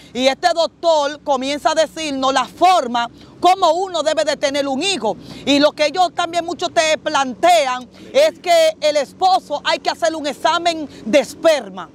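A woman pastor giving an earnest testimony in an interview, often addressing the host by name. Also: high voice.

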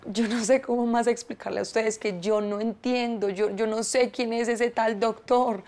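A woman's voice: on the high side, fairly even intonation, normal speed, a little mellow, lightly acted. An actress playing a woman under police questioning who keeps insisting that she knows nothing. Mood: defensive. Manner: flustered, insistent denials.

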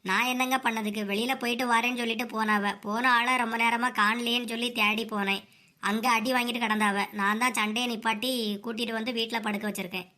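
A woman voicing a scheming young daughter-in-law in a cartoon, with a Kanyakumari Tamil accent and a mocking, quick-tongued manner. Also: fairly high pitch, little pitch movement, pushed and bright. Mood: tart.

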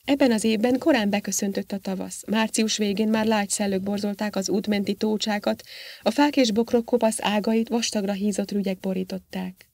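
A woman narrating a science fiction audiobook in a measured, even storytelling voice. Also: medium pitch, dry recording. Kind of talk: scripted narration.

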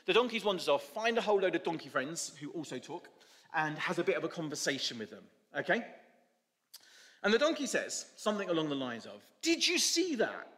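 A man's voice: on the high side, sing-song, brisk, a bit bright. A male preacher giving a sermon, telling a story with informal asides. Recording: echoey church hall.

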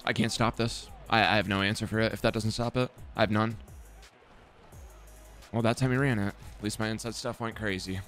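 A young man giving casual, self-mocking commentary on his football video game, swearing often and swinging from excited yelling to low mumbling. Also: a little fast, soft background music. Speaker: gaming YouTuber.

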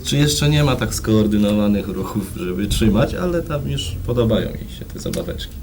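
Deep, dark-voiced young man on old tape. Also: animated, normal speed. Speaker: rock band musician, interview guest. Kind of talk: casual interview talk. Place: TV studio. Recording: noisy 1990s TV studio tape.

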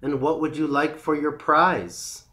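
An eager male sky god from a read-aloud folktale, pitched a touch higher and brighter in his longing, as a man puts him on. He speaks slowly and clearly for young learners. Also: steady tone. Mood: delighted.

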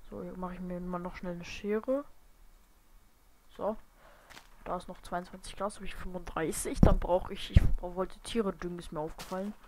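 A woman giving casual gameplay commentary on a desk microphone, muttering and whispering asides to herself, now and then bursting into loud startled shouts. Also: on the low side, fairly even intonation, moderate pace. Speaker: let's play gamer. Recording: noisy home mic with hiss and clicks.

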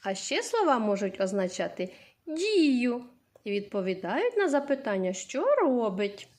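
A woman teacher leads young children through a literacy lesson, posing simple questions in a slow, sing-song way and then answering them herself. Her voice is slightly high, very animated, and somewhat dark in tone.

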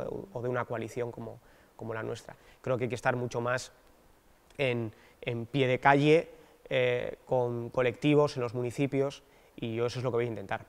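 Speaking from a dark studio set that sounds like a large hall, a Basque man in his thirties running for office gives halting, reflective interview answers full of fillers and false starts. His voice sits in the mid range.

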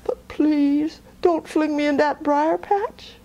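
A woman voicing a sly small male rabbit trickster in a storybook tale, begging in a high squeaky voice with exaggerated mock fear. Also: takes it slowly, dark tone, dull audio. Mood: pleading.

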